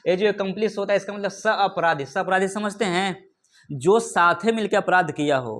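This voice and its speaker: A man with a high voice teaches a classroom vocabulary lesson. He keeps stopping to ask his learners questions and to check that they follow along. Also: moderate pace, fairly bright tone. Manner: repeats "ठीक है ना" and asks rhetorical questions; addresses learners familiarly. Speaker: English teacher.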